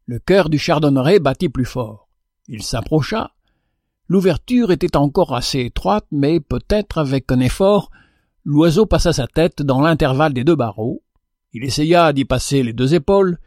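A man narrating a fable in an expressive, measured reading. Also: on the high side, no echo, clean studio sound. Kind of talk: storybook narration.

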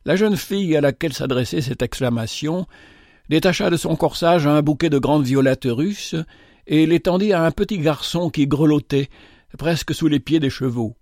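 A man narrating a novel in a measured, expressive audiobook reading. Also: fairly high pitch, no echo, clean studio sound.

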